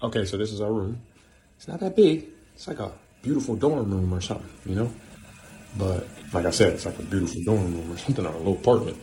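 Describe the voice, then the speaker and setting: A man's voice: lowish voice, expressive, fast talker. A man chatting casually and informally to his vlog while traveling, using colloquial phrasing. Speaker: travel vlogger. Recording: loud ambient and vehicle noise.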